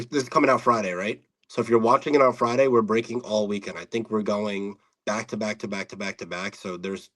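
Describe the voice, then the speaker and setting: A laid-back male guest with a lowish voice, joking easily as he talks up his streams. He sounds relaxed and casual throughout. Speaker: guest, card breaker. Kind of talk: casual chat.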